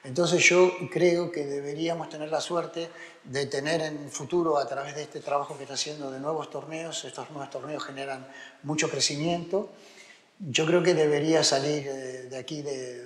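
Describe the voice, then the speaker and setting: A man's voice: a little high, steady tone, normal speed, slight background noise. Argentine man, echoey long-reverb room. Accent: Argentine Spanish. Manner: hesitant, many fillers and restarts, grows emphatic. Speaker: tennis coach, interview guest. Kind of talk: conversational interview answers.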